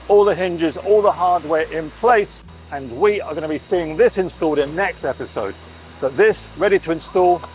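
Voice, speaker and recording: A boat owner in middle age shows off his catamaran build from inside, at a boatyard, in a laid-back walkthrough vlog. He speaks with a fairly high pitch, enthusiastically admiring the details with plenty of oohs, though the recording quality is low.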